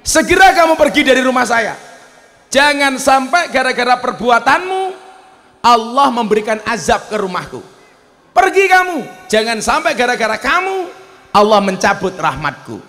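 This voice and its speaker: A man voicing a stern, indignant male prophet who scolds forcefully. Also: extremely high pitch, animated, slow, pauses often, pitched above the performer's own voice, heavily acted. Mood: angry.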